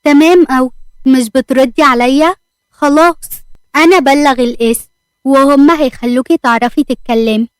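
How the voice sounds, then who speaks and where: A woman voicing a stern male shop owner who shouts and scolds, with an Egyptian accent. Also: high voice, steady tone, quick pace, no echo, studio quality, lightly acted. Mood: furious.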